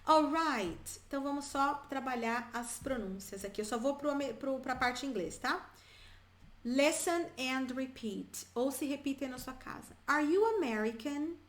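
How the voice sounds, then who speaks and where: A Brazilian woman teaching English to viewers, chatty and repeating example phrases slowly for learners. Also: high-pitched, fairly bright tone, reverberant. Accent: Brazilian Portuguese. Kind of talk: bilingual English lesson, addressing viewers.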